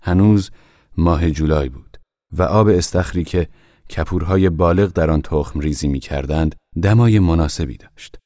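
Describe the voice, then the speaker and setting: A man reading an audiobook in a calm, measured, soft-spoken way. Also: low voice, no room sound, clean studio sound. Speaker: audiobook narrator. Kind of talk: scripted narration.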